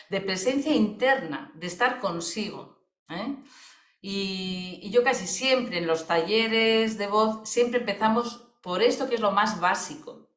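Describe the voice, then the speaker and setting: Woman, chatty webinar talk full of fillers and tag questions, mid-pitched, echoey room over a video call. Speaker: voice therapist. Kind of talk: webinar explanation.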